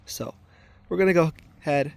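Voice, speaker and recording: A trapper from southern Arizona films his trapline in desert washes, talking casually and thoughtfully to the camera as he checks traps, with filler ums and restarts. His voice is raspy today, a little high, at a normal speed.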